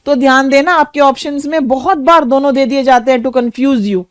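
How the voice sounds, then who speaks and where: Teaching exam vocabulary at a moderate pace, an Indian-accented woman keeps her high voice steady while she explains meanings and spells each word letter by letter. The sound is dry and clean, studio quality.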